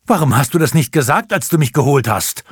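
A man's voice: a little high, animated, a little fast, slightly rough, no echo, clean studio sound, voice pushed up. A man voicing a skeptical town physician who questions people in an agitated way.

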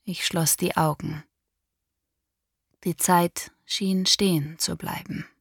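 A woman narrating an audiobook in a steady, subdued first-person manner, close to the mic. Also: on the low side, slow pace, husky, dry recording.

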